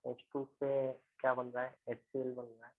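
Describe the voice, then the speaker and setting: A man's voice: mid-range voice, dry recording. A man from India teaching chemistry, working a problem step by step, often checking whether students follow. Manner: steady teacher tone, asking students quick check questions. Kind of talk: explaining a physical chemistry problem in a recorded lecture. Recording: tinny, phone-like, dry sound.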